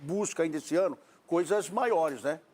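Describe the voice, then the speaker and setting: High-voiced Brazilian man with a slushy lisp. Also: moderate pace, a little mellow. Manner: lisp with slushy s sounds, tongue-tied. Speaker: football pundit. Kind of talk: bantering sports debate.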